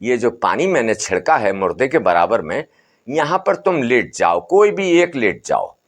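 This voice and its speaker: A man's voice: medium pitch, sing-song, normal speed. A man voicing a stern, wily old holy man who keeps repeating his commands. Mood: insistent.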